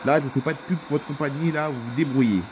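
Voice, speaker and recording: A man's voice: mid-range voice, fast, noisy background, natural voice. A man voicing an irate airline passenger in a homemade toy-figure film, complaining indignantly and repeating himself.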